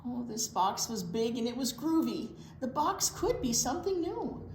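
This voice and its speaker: The recording has a little hiss or hum and a roomy, echoey indoor sound. A woman with a fairly high voice reads a picture book to young children at a moderate pace, swinging her pitch widely, lingering expressively on key words, and asking little questions.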